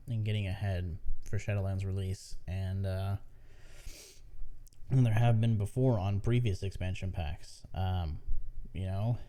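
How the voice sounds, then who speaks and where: A man's voice: low-pitched, dark tone. A tired man hosting a casual gaming news podcast, rambling with many fillers and restarts. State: tired, yawning. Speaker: podcast host.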